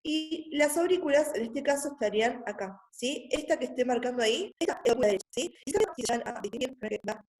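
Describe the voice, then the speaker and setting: A woman teaches anatomy over a video call, her voice pitched a little high. She explains step by step and keeps checking in with her students. The sound is roomy and echoey. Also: lively intonation, fast talker, few pauses, darkish tone. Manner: patient, checks in with a constant "¿sí?". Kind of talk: online anatomy lecture. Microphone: computer mic on a video call.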